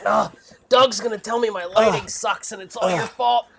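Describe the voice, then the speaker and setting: A man's voice: high-pitched, steady tone, normal speed, creaky, a crowd in the background. A man co-hosting a comedy podcast, trading crude jokes and laughing often. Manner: laughs often, loose and joking. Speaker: podcast co-host. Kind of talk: crude casual banter.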